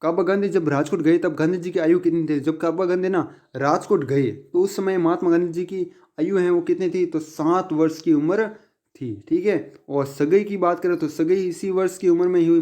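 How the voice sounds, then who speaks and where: Man teaching in a warm, mellow voice. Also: a little high, steady tone, normal speed. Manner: repetitive, asks and answers his own questions. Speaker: exam prep teacher. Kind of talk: casual exam-prep lesson.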